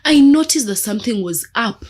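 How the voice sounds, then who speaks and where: A woman's voice: fairly high pitch, expressive, fairly quick. A woman in a played-back clip whose voice sounds tinny, with some words partly cut off by noise reduction. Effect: tinny, denoised audio clip with words partly cut off.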